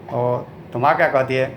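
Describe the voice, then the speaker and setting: A man's voice: medium pitch, a little hiss or hum. A man with a Bhojpuri accent, a folk singer telling a story in speech and drawing out sung ballad verses between the spoken parts. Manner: slow, drawn-out sung lines between spoken narration.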